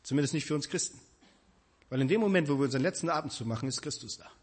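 A man preaching a sermon, addressing his congregation directly with emphatic, animated delivery. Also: a little high, rapid-fire, slightly rough.

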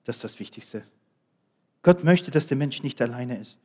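Dark-voiced emphatic German preacher man. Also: medium pitch, animated, moderate pace, husky. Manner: emphatic, shifts between loud appeals and quiet asides. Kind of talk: sermon.

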